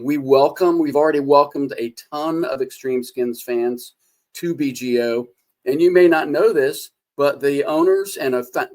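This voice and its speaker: A middle-aged man of ordinary pitch talks through a sandwich on his phone-shot cooking vlog. His delivery is relaxed and folksy, dotted with "uh" and "um". He comes across as a friendly, unpolished home host. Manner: relaxed and folksy, with many fillers. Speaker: fan forum founder and video host. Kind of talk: casual cooking vlog chat. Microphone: phone held by the speaker.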